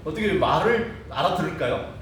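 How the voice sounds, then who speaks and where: A male pastor preaching a lively sermon, full of rhetorical asides and acted-out cries. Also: a little fast. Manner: animated preaching, frequent rhetorical "어?" asides, acts out quoted cries. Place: church sanctuary. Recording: echoey church hall, mic at a distance, faint rumble.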